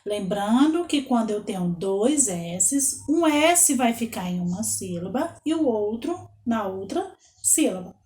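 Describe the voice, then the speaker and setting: A woman with a Brazilian Portuguese accent teaching young children, slowly spelling out letters and counting aloud. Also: mid-range voice, very animated, darkish tone, echoey room. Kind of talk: children's lesson.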